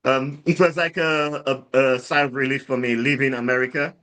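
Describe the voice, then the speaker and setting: This man has a medium-pitched voice and a moderate pace, plus a Saint Lucian accent from his home island. Guesting on a podcast, recorded on a podcast mic, the drinks brand founder recounts his story in a rambling, casual way full of fillers and restarts, livening up whenever he retells what happened.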